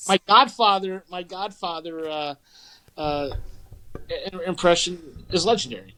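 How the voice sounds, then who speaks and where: Man, forties, casual podcast chat, rambling with fillers, slightly high voice. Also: measured pace, bright, forceful tone, rough recording. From St. Louis area, Midwest US. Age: 40s. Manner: rambling, many restarts and fillers. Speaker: podcast co-host.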